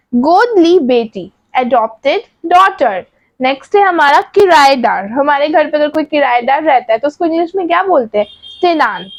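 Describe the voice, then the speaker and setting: A woman teaching English words, asking what each word is called and then repeating the answer slowly. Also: sits high, muffled recording. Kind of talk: vocabulary lesson.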